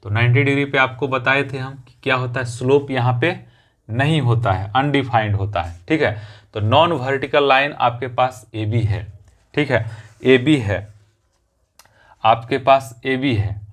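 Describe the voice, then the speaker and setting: Speaking slowly and patiently in an ordinary mid-range voice, a male math teacher explains things step by step in his classroom. He repeats phrases and keeps checking that students follow, often asking "theek hai."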